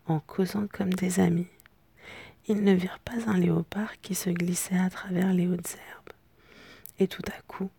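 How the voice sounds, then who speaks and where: Woman, cracking hoarse voice, whispered storytelling, mellow and dark, creaky, close dry sound. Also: on the low side, no echo. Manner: soft, unhurried, gentle pauses. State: voice broken. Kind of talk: whispered ASMR bedtime storytelling.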